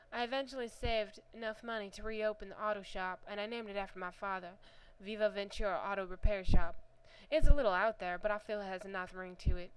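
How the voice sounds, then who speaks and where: Woman doing a young southern woman, Southern accent, grieving and wistful, middle pitch, storybook reading. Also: dark tone, a little hiss or hum, lightly acted, low-quality recording. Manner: reflective, earnest storytelling. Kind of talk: first-person story reading.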